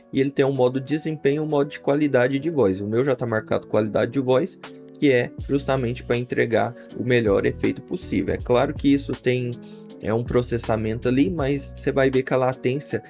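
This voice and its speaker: A man with a Brazilian accent walks through software in a casual tutorial style. His voice is mid-pitched with noticeable fry. Faint guitar music runs underneath. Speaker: YouTube software reviewer. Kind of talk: casual scripted-sounding product tutorial.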